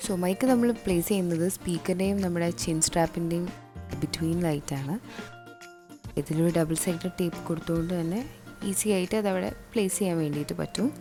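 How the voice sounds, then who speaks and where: Here a fairly low, steady-toned voice moves briskly as a Malayali-accented woman demonstrates a product installation step by step. She keeps it conversational with English terms mixed in, while background music remains clearly audible.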